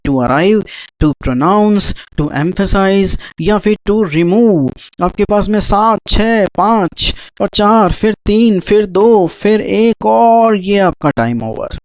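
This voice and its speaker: A man runs a vocabulary quiz. He talks in an animated way and counts down timers aloud. His voice is recorded dry and close, with no room sound. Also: fairly high pitch, no echo, poor audio. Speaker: English quiz teacher. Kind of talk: Hindi-language vocabulary quiz.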